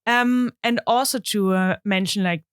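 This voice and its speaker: A woman's voice: medium pitch, measured pace, smooth, no echo, clean studio sound. A German woman from the east of the country, co-hosting a podcast in friendly casual chat with a German accent. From eastern Germany. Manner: friendly, frequent agreeing interjections. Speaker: podcast co-host. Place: dry studio.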